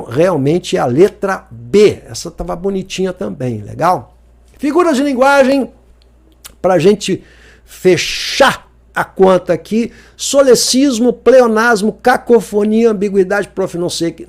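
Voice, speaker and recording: Male teacher, higher voice, jokey and lively, talks straight to the viewer. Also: measured pace, gravelly. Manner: lively, joking, asks the viewer questions often. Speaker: Portuguese teacher. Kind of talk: exam-review lesson.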